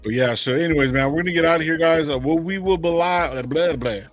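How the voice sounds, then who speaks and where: A man's voice: fairly high pitch, fast, soft background music. A man hosting a podcast in casual, profane, slangy banter. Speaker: podcast host. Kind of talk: casual chat.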